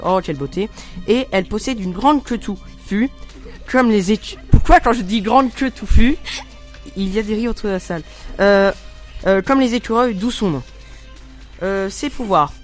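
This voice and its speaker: A teenage boy presenting a superhero column on a school radio show, hesitant, with mock-serious asides. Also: sits high. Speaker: student columnist.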